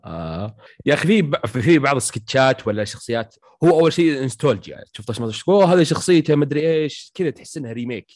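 Blunt Saudi man talking fast. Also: mid-range voice, big pitch swings, a little mellow, dry recording, studio quality. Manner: blunt, slangy, opinionated. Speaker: podcast panelist. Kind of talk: casual chat.

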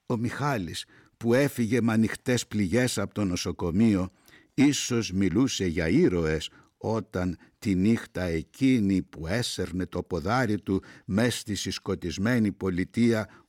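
Low-voiced man reading poetry gravely. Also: a little mellow, no room sound, studio quality. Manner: slow, grave, deliberate phrasing with long pauses. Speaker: poetry reader.

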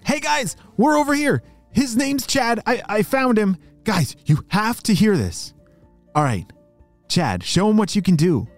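A storyteller voicing an excitable young male cricket who gushes and raps in a high, squeaky voice. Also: unhurried, faint music behind, lightly acted. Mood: excited. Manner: breathless, gushing, high squeaky voice. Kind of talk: storybook character voice.

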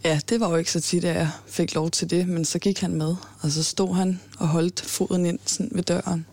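Low gravelly young woman, flat delivery. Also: no echo. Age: 20s. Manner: halting, with many fillers and restarts. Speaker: interviewee. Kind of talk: personal account in an interview.

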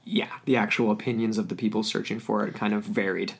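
A man's voice: fairly low pitch, fairly even intonation, quick pace, gravelly. A man co-hosting a podcast in casual chat, musing and meandering as he talks. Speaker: podcast co-host.

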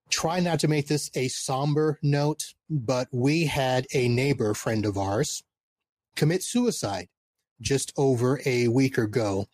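A man's voice: medium pitch, darkish tone, dry recording. A middle-aged man speaking as a podcast host in a casual, conversational, plain-spoken way, live from a backyard. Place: outdoors in a backyard.

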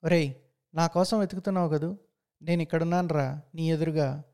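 A scruffy beggar steps out of the narrator's shadow to taunt him, mocking and accusing. A man reading the tale gives him a gravelly, mellow voice, a little higher than a typical male voice, in the manner of a spoken storybook. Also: fast talker. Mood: angry.

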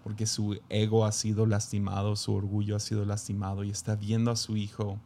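A man's voice: fairly low pitch, completely flat delivery, a little fast, mellow, a little hiss or hum. A man, a pastor, reading scripture aloud and then musing on it in a reflective sermon, with frequent restarts.

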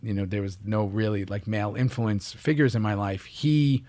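A man's voice: fairly low pitch, normal speed. An actor from the US East Coast, a man, telling anecdotes as a guest in a casual interview, acting out the lines of people in his stories. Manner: lively anecdotes, acts out quoted dialogue.

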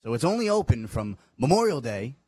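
Co-host: mid-pitched young man, easygoing storyteller, dry close mic. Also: big pitch swings, a little fast, darkish tone, breathy edge, no echo. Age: 20s. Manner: easygoing storyteller, explains at length. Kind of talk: casual podcast chat.

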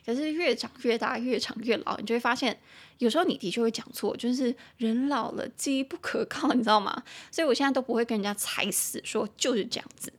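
A young adult woman hosting an English lesson podcast in Mandarin. She spells words out slowly and chats with playful asides. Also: slightly rough. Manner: chatty, with playful high-pitched asides. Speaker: English teacher and podcast host. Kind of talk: bilingual vocabulary lesson podcast.

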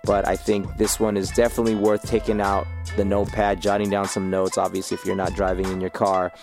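A man's voice: low voice, little pitch movement, fairly quick, over music. A man hosting a podcast, chatting casually and upbeat with a guest, with many fillers. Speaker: podcast host.

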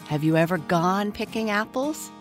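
A woman hosting and narrating bedtime stories for children, gently and unhurriedly, as if tucking them in for the night. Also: medium pitch, animated, normal speed, soft background music. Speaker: host and narrator of a children's bedtime story podcast. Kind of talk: slow bedtime storytelling.

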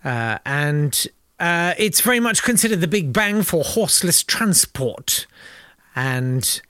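A man's voice: a little high, big pitch swings, slow, fairly bright tone, clear, resonant tone, no room sound, studio quality. A man co-hosting a podcast, telling a history story in a wry, rambling way full of uhs. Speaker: podcast co-host.

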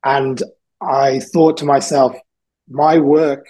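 A man's voice: medium pitch, flat delivery, slow pace, mellow, low-quality recording. A man from South Wales, a guest artist in a casual interview, talking thoughtfully and rambling a little, with frequent ums and laughs.

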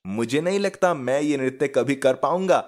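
A raised, boyish voice for a wry schoolboy who mutters his complaints and teases his friends, as a man puts him on. It sits clearly higher than the narrator's own voice and carries a slow, grumbling edge. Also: expressive, lightly acted. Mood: amused.

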